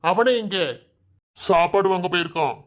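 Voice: mid-range voice, normal speed, close to an everyday voice. A performer voicing a lazy, threatening male kidnapper in a cartoon, with a Tirunelveli Tamil accent. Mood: grumbling. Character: bumbling male kidnapper thug. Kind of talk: cartoon voice acting.

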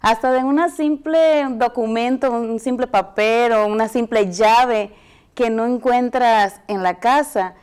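A woman's voice: on the high side, takes it slowly, clear, resonant tone. A young woman, a guest on a TV interview, telling her experience earnestly and with animation. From Dominican Republic. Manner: earnest, animated storytelling with hesitations. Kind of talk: TV interview testimony. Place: TV studio set, indoors. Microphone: lapel mic.

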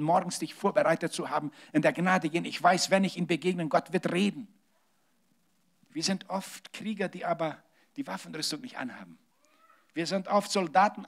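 Male preacher, high voice, animated sermon that drops to near-whispers. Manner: animated preaching with large swings in loudness, drops to hushed tones. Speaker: pastor.

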